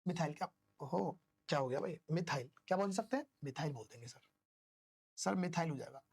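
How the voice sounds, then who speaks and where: A woman's voice: lowish voice, fast talker, gravelly, a little mellow, husky. A woman teaching an online chemistry class, chatty and informal, who keeps asking questions and answering them herself. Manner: chatty, asks and answers own questions, homely analogies.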